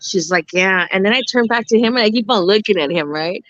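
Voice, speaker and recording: A woman's voice: medium pitch, brisk, fairly bright tone, no echo. Woman, 40s, dry close sound, a bit dull and lo-fi, laughs a lot while telling stories. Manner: laughs often, tells stories with lots of "I'm like". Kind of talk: casual chat.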